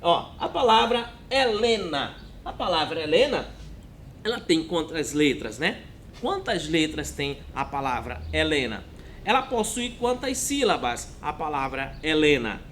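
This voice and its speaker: Slow, lively male teacher. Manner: slow, drawn-out, checks in with "né?" and "tá bom?". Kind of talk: recorded classroom lesson. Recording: faint rumbling noise.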